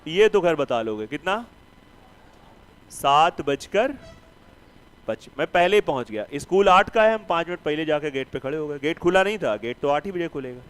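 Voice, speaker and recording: Male math teacher in a classroom, fairly high voice, smooth and resonant, teasing and scolding, lots of rhetorical questions. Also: fairly bright tone, poor audio. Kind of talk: classroom lecture.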